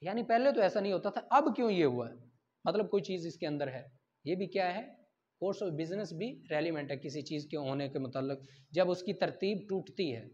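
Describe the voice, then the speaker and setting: Dull lo-fi lecture audio captures a Pakistani-accented law teacher whose voice is on the high side, a little mellow, lively in intonation and moderate in pace. He illustrates with examples, asks and answers his own questions, and mixes in English terms.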